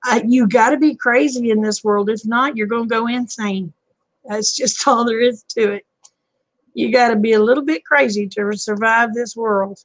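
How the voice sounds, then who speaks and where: A woman's voice: fairly high pitch, fairly even intonation, normal speed, no room sound, poor audio. A woman in her fifties, hosting a live chat stream and talking casually with viewers in a folksy, talkative way, often chuckling. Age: 50s.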